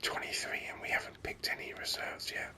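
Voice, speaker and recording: Here a gaming host provides ASMR commentary, whispering breathily and pondering in a slow, halting way close to the microphone. The tone is bright and forceful.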